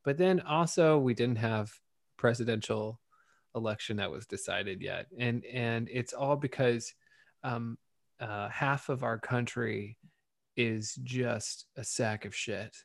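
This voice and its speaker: A man's voice: medium pitch, takes it slowly, creaky, no room sound, clean studio sound. A man co-hosting a podcast, chatting casually about politics in a profane, sarcastic, rambling way. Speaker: podcast co-host.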